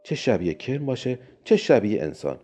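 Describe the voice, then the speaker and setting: A man voicing a calm, friendly male robotics expert who patiently reasons his case, in a storybook reading. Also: mid-range voice. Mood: calm persuading. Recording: dull lo-fi recording.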